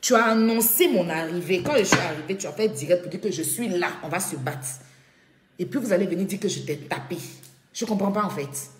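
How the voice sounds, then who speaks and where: A woman's voice: lowish voice, animated, a little fast, a little hiss or hum. Indignant woman in an echoey room. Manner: indignant, repeats her points emphatically. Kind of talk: live video monologue. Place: at home, echoing room.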